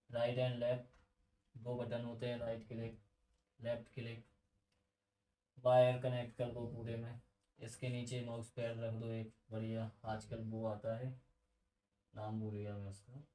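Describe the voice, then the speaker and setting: A man's voice: mid-range voice, mellow, echoey room, far from the mic, poor audio. A man teaching a computer lesson in a casual, chatty way, asking his students questions and drifting into side stories.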